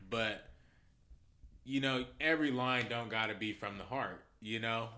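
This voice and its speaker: A male musician guest in a casual podcast chat, telling lively stories and acting out what people said. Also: mid-range voice, unhurried. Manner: animated storyteller, acts out quotes.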